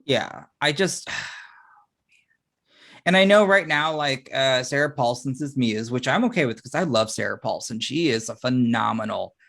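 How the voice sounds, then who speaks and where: A man co-hosting a podcast in casual chat, relaxed, often sighing and dropping into a murmur. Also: mid-range voice, unhurried, vocal fry. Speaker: podcast co-host.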